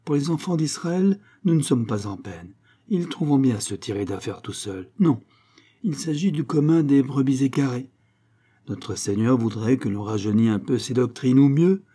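A man's voice: medium pitch, dark tone, lightly acted. A man voicing a young male angel messenger who speaks eloquently and preaches. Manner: solemn, sermonizing delivery.

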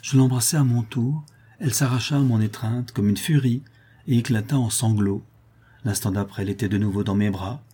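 A man narrating a literary novel as an audiobook in a measured, expressive reading. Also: mid-range voice, husky.

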